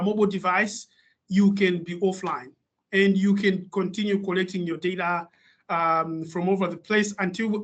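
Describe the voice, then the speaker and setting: A man from Malawi, slightly high-voiced, giving a webinar presentation over a video call. He talks in a hesitant, restarting way, full of "um" and "uh" as he explains. His tone stays informative and steady. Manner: hesitant, many fillers and restarts. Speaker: guest speaker.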